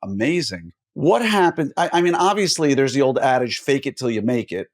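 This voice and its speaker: A man hosting a podcast interview, talking in a loose, rambling way. He often restarts and corrects himself and slips in jokes while setting up long questions. His pitch is average for a man. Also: animated, brisk. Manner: rambling, self-correcting, jokey. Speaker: podcast host. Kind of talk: conversational interview.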